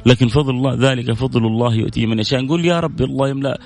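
A man's voice: mid-range voice, steady tone, racing, darkish tone. A man hosting a religious program, giving an earnest sermon-style talk and repeating phrases to drive his points home.

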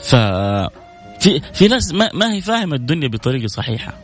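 A man's voice: mid-range voice, big pitch swings, fairly quick, faint music behind. A man hosting a radio call-in show, giving earnest family advice and reading out listener messages.

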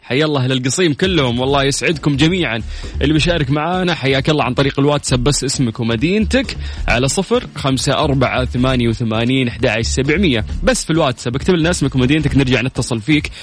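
A man's voice: mid-range voice, expressive, racing. A man with a Saudi accent hosting a radio call-in quiz, teasing callers and laughing often. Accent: Saudi Arabian.

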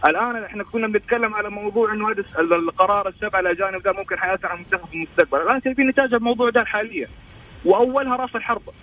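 A caller from Jeddah, Saudi Arabia, phones in to a sports opinion show, arguing rapidly and stacking up points. His voice is high-pitched and steady. The bad phone connection keeps cutting out, leaving the line muffled.

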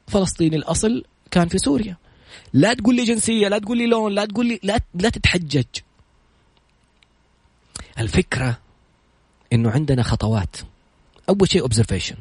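A man with a Saudi accent telling stories in a motivational talk, retelling what others said with quick, animated delivery. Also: high-pitched, slightly rough, no echo. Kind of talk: motivational storytelling monologue.

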